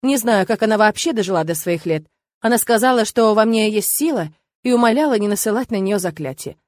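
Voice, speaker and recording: A woman voicing a gruff, protective middle-aged father who grumbles scornfully in an audiobook. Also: medium pitch, lively intonation, fairly quick, darkish tone, no room sound, natural voice. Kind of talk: audiobook character voice.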